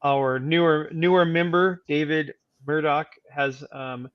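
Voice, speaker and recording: A man's voice: on the high side, fairly even intonation, a little slow, no echo. A man hosting a livestream with casual chat, heard through slightly muffled audio. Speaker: live show host.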